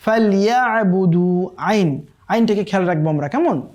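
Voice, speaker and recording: Male tajweed teacher, brisk explainer, checks in with listeners constantly. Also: sits high, lively intonation, darkish tone. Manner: explains quickly, then recites verses slowly and drawn out; often checks in with listeners asking "okay?". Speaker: Quran recitation teacher. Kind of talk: online tajweed lesson.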